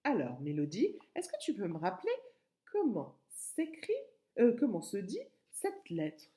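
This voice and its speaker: A woman teacher speaking to young children, spelling out letters slowly and clearly with lively rises in her voice. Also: medium pitch. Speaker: preschool teacher.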